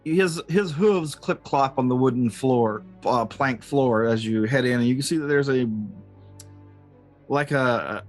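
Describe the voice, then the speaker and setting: A man improvising narration as game master, halting and jokey as he describes the scene. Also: mid-range voice, faint music behind. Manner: halting, jokey, often chuckling.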